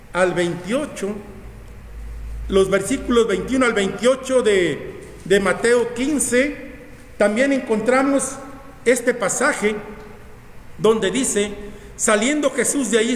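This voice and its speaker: Male Mexican pastor, high voice, emphatic sermon delivery with repeated verses, reverberant church room. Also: fairly bright tone. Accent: Mexican Spanish. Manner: emphatic preaching, repeats scripture verses, rises when voicing pleas. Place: church sanctuary. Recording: echoey church hall.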